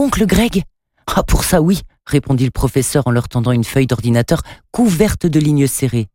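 Mellow-voiced man reading a story. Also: medium pitch, no room sound, studio quality. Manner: steady, even reading. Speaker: narrator and radio presenter. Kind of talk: scripted storybook narration.

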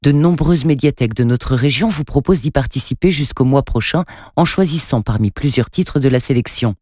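Mellow-voiced man reading a story. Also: mid-range voice, a little fast, dry recording, clean studio sound. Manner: steady, even reading. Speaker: narrator and radio presenter. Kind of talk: scripted storybook narration.

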